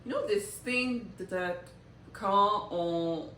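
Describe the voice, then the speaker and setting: A Québécois woman in her thirties co-hosts a casual chat, speaking extremely slowly and reflectively in a bright, forceful mid-range voice, hesitating and mixing in English. She's recorded from a distance in an echoey room with faint noise.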